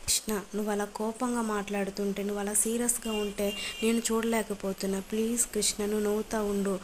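A remorseful young police officer pleads for forgiveness, read out by a woman narrating a soap recap. The delivery stays flat and even, with little rise or fall, over a faint hiss. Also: medium pitch, fast talker, close to an everyday voice. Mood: pleading. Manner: pleading, apologetic.

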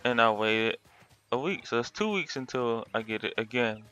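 A just-woken man gives a loose, rambling commentary, drifting through his story with fillers and restarts. His voice stays bright and a little strained despite the sleepiness. Faint music plays underneath. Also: medium pitch, lively intonation, moderate pace, dull audio. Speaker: gaming commentator. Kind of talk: casual spoken commentary.

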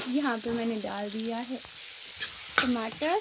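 Woman cooking vlogger, high voice, slow chatty delivery, home kitchen, pan sizzle under a noisy phone recording. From Himachal Pradesh, India. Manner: slow, chatty, addresses viewers as friends. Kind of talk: casual cooking narration. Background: sizzling and stirring in a pan.

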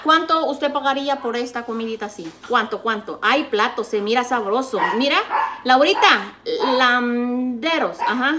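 A woman's voice: high-pitched, pushed and bright. A middle-aged woman with a Salvadoran accent chatting with her viewers while serving food, calling them sweet pet names. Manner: chatty, affectionate, calls viewers endearments. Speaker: cooking vlogger. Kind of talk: casual chat with live viewers. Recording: echoey room with faint noise.

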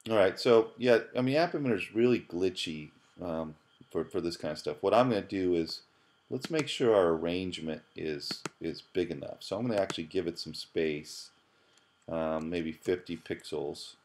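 A deep-voiced man gives a relaxed screencast tutorial from his desk. He chats loosely, stopping to restart and repeat words as he clicks along. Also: moderate pace, a little hiss or hum. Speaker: computer science professor. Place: at his computer, voice-over on screen capture.

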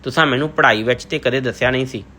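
A man's voice: medium pitch, very fast, sharp tone. A man voicing an innocent, earnest young village girl who asks wondering questions, in an audiobook novel.

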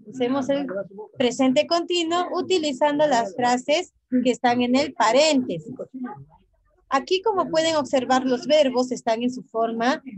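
High, slow-speaking woman teacher. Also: low-quality recording. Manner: repeats each phrase in English and then in Spanish; patient, quizzes students by name. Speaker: English teacher.

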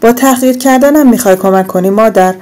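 Woman doing young daughter, indignant, raised pitch, loud, mellow dark tone, audiobook. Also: natural voice. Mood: bitter. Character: young adult woman, daughter, defiant and upset.

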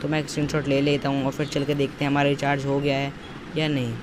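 Over music, a young man talks fast in a mid-range voice with a completely flat delivery. As a tutorial presenter, he offers an informal, step-by-step voice-over with repetitive instructional wording. The recording is noisy, with what sounds like outdoor traffic.

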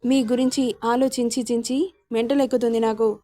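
A woman's voice: a little high, flat delivery, normal speed, mellow, no echo, clean studio sound, natural voice. A woman voicing a hurt, fiery young wife who speaks in a pleading, reproachful way. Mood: upset.

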